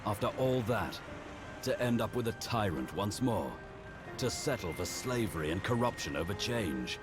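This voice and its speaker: A man's voice: fairly low pitch, expressive, normal speed, music in the background, close to an everyday voice. An actor playing a bitter, disillusioned rebel man in a video game. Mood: bitter disgust.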